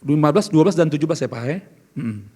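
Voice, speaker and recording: A man's voice: a little high, expressive, fast talker, warm tone, husky. A man preaching a sermon as pastor, earnest and questioning, asking the congregation questions as he speaks. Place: church service.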